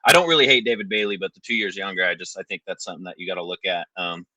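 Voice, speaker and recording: A man's voice: low voice, rapid-fire, bright, forceful tone, no room sound, low-quality recording. A man calling in to chat casually as a sports fan, hesitant and chummy. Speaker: caller to a sports show.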